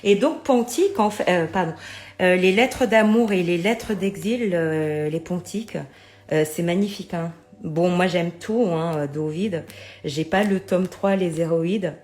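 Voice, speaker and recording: Slow, low-voiced woman chatting to viewers. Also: a little mellow. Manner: chatty, keeps addressing viewers, many fillers. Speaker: oracle card reader. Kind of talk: casual video chat about oracle cards.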